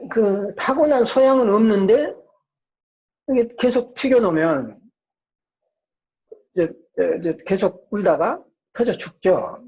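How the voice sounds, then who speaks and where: Captured in a dull, muffled lo-fi lecture recording, a psychology professor with a high voice and dark tone talks informally. He regularly puts questions to the room and answers them himself.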